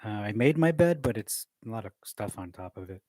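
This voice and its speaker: A man's voice: fairly low pitch, animated, a little fast, warm tone, slight background noise, poor audio. A man casually chatting to camera as he cleans his bedroom, rambling and self-mocking with lots of fillers. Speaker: vlogger streaming himself cleaning. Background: faint chiptune music playing.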